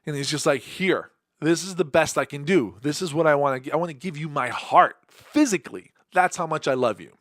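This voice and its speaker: A man hosting a solo podcast, casually recapping an episode and acting out the characters' lines in quick quoted bits. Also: a little high, a bit bright, dry recording, studio quality. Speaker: podcast host.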